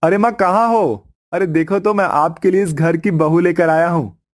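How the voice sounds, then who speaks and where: Loud brash young husband, cartoon, voiced by a man, raised pitch, dark tone. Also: fairly even intonation, normal speed, natural voice. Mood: cheerful. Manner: loud, calling out.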